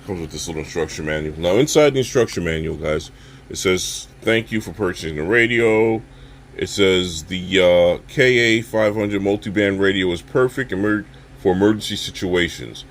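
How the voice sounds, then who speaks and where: Here a man with a low voice casually demos a product for his audience, reviewer-style, pausing and stumbling a little as he speaks straight to them.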